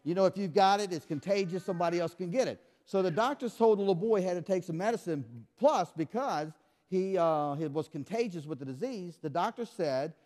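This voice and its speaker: A man's voice: high-pitched, fairly quick, a little mellow. A man performing a children's magic show, playfully acting surprised and quizzing the kids in call-and-response. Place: church hall with a live audience. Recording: echoey hall.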